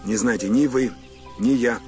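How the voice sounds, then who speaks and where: A man's voice: mid-range voice, normal speed, mellow, close to an everyday voice. An actor in his fifties playing a stern, commanding army captain in a war film. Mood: quiet, grave. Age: 50s. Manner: commanding, clipped orders. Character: stern Soviet army captain drilling women recruits. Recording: film music under the voice.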